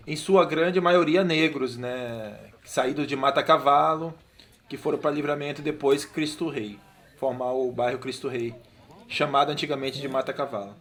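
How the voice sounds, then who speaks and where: Man with a slightly high voice, relaxed commentary. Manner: relaxed, descriptive, hesitant restarts. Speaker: filmmaker. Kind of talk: film commentary track.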